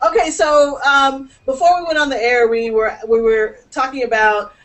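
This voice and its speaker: A woman's voice: sits high, steady tone, normal speed, fairly bright tone, recorded from a distance, low-quality recording. A woman hosting a casual video call chat, chatty and laughing often, with many restarts. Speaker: host.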